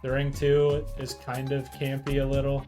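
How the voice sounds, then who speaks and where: A man's voice: mid-range voice, monotone, normal speed. A young man chatting casually while playing a video game, rambling and laughing often. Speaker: let's play co-host. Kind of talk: casual gaming chat. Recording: game music behind. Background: game music.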